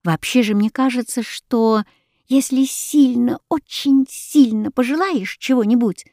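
A woman's voice: on the high side, measured pace, a little mellow, dry recording, studio quality, pitched above the performer's own voice. Woman doing a thin-voiced little hedgehog. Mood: eager. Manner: earnest, devoted. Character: small gentle male hedgehog, loyal and wise.

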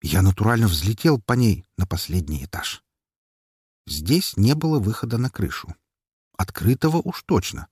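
A man narrates a first-person audiobook with a low, slightly husky voice. His delivery is expressive and tense, with lively rises and falls. The recording is close and dry. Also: normal speed, no room sound.

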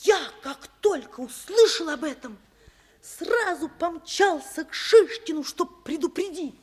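An actress playing an earnest, bossy schoolboy who tells a children's story and acts out its dialogue expressively. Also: female voice, very high voice, animated, measured pace, darkish tone. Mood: earnest narration. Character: schoolboy narrator, earnest, bossy, conscience-troubled friend.

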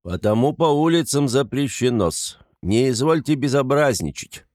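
A man's voice: medium pitch, animated, moderate pace, a little mellow, no echo, pitched above the performer's own voice, lightly acted. A stiff, officious constable, played by a male reader, lecturing in a raised, pompous tone. The sound is dry and close to the mic. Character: pompous petty police constable, gruff and officious.

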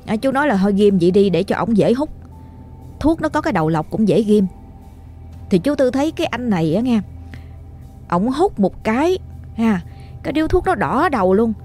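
Dark-voiced Southern Vietnamese woman storyteller. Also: fairly high pitch, fairly quick, pauses often, soft background music. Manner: animated, exclamatory storytelling. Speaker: ghost story narrator. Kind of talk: storytelling narration.

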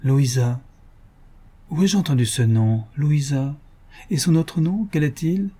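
A man voicing a gentle, solemn, dying mother in an audiobook, speaking in a raised pitch. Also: slow pace, husky. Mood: anxious. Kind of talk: audiobook character reading.

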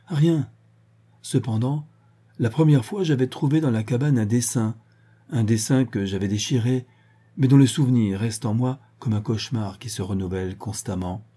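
Anxious young woman in a storybook reading, voiced by a man, dark husky tone. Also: medium pitch, normal speed, close to an everyday voice. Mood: fearful. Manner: anxious, pleading. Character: young woman seeking her lost son.

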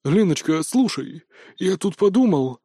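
A hulking young man drifts along, dazed and lovesick, as the narrator voices him. His sing-song lines rise a touch high in a close, dry audiobook reading. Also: sing-song, a little slow, dark tone, dry recording, heavily acted. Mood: swooning. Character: burly lovestruck young man, dreamy and blissful.

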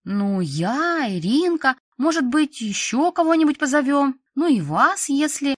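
A woman narrator plays a cheeky young teacher, bold even when nervous, her lines pitched higher and pushed louder with eager excitement. The sound is close and dry. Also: moderate pace, dry recording.

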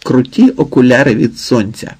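A man voicing a cheerful, talkative son-in-law who jokes and flatters loudly, in a storybook reading. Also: mid-range voice, normal speed, slightly rough. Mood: jovial. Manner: lively, jovial, loud.

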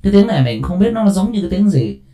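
A man's voice: high-pitched, very animated, quick pace, warm tone. A man chatting casually to listeners through a voice filter that sounds like talking into a plastic tube, often asking them to agree. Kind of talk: casual livestream chat testing voice effects.

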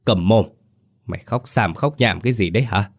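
A man voicing a sharp-tongued, scheming middle-aged village matriarch who scolds and speaks theatrically. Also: deep voice, normal speed. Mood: scolding.

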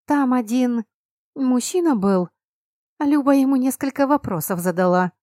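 An anxious young healer girl, as a woman narrator puts her on, pleading and worried. Her voice climbs higher and louder than the reader's own, in a dry, close storybook reading. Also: expressive, measured pace, no room sound. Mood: hesitant.

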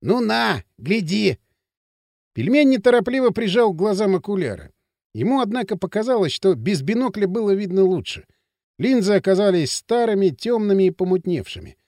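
Male audiobook narrator, measured delivery, higher lively voice, dry close recording. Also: no room sound. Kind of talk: scripted narration.

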